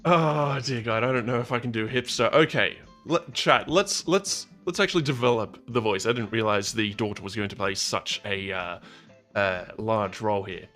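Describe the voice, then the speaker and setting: A man's voice: on the low side, normal speed, bright, forceful tone, soft background music. A man streaming a video game, chatting playfully and teasing his viewers. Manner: playful, teasing, laughs often. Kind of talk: casual game stream chat.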